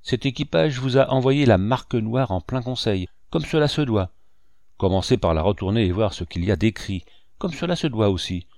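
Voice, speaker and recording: A defiant pirate sailor, played by a male audiobook reader, lays out his charges in an insistent, accusing tone. The sound is dry and close. The voice is low. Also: animated, moderate pace, creaky, darkish tone, no room sound. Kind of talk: audiobook reading.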